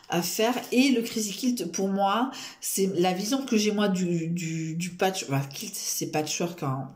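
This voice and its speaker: A woman's voice: lowish voice, a little mellow, roomy sound. A woman chatting casually to camera in a rambling, self-mocking way, full of fillers and restarts. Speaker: vlogger.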